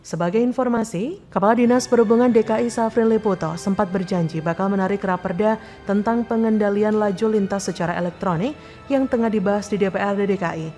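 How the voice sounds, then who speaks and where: A woman reading a scripted, opinionated news commentary in a steady voice over a music bed. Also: medium pitch, fairly quick. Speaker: news narrator. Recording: faint music bed behind.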